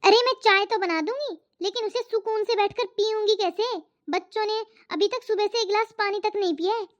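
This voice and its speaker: A woman voicing an overworked housewife and mother in an animated family story, scolding and complaining about her chores. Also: very high-pitched, fairly quick. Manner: complaining, scolding, talks to herself. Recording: muffled lo-fi voice track.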